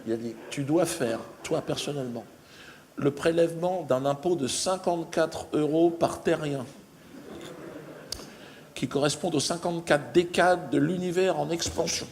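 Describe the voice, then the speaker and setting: Man putting on a hushed slow alien. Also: fairly high pitch, a little hiss or hum, close to an everyday voice. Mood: calm, hushed. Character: calm soft-spoken male alien visitor.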